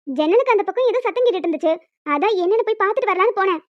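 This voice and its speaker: Woman doing shrill, fast cartoon village women. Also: expressive, no room sound. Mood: dramatic. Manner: fast, dramatic, scolding and tearful. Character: village women and a young daughter, emotional. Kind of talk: cartoon voice acting. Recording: dull, dry lo-fi recording.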